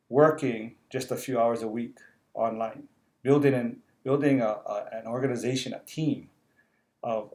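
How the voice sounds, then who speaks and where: A man's voice: medium pitch, a little mellow. A middle-aged man hosting a casual live interview, talking earnestly, repeating words and tagging on "right?". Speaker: interview host.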